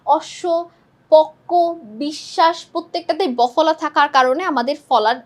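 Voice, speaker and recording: A woman's voice: high voice, normal speed. A young woman teaching an exam-prep lesson, quizzing her students and answering her own questions.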